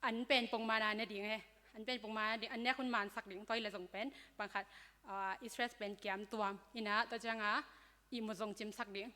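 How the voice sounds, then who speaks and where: Woman talking health to church youth, bright tense voice, loose chatty lecturing, echo of a big hall. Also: on the high side, fairly even intonation, fast talker. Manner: conversational, loose lecturing with many fillers. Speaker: speaker at a church youth seminar. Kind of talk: informal health talk to young people. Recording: hall reverb.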